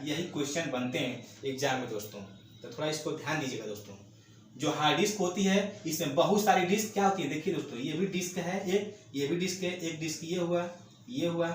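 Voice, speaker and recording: A man teaching a computer lesson for exam candidates, repeating each point and posing questions to the class before answering them himself. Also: on the high side. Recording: very echoey room with faint ambient noise.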